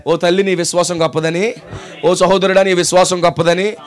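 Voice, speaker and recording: A pastor with a Telugu accent delivers a sermon in a high, ringing voice. He preaches in waves of rhetorical questions and call-and-response, retelling the story and driving the point home to the congregation. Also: little pitch movement, brisk, soft background music.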